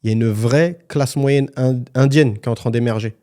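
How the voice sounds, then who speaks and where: A man's voice: mid-range voice, moderate pace, mellow. A man co-hosting a casual podcast conversation, talking frankly and colloquially, with many restarts. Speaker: podcast co-host, property agent.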